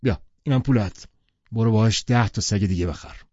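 A blunt, bossy wealthy man who gives orders rather than asks, as a male narrator voices him. His voice is dark and firm, slightly louder than the narration, with a dull, muffled quality. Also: lowish voice, dry recording, close to an everyday voice. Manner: curt and firm. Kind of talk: audiobook character voice.

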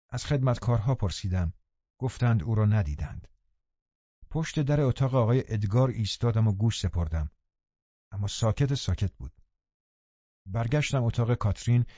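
A man reading a novel aloud as an audiobook narrator, calm and even in scripted narration. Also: lowish voice, dry recording, lo-fi sound.

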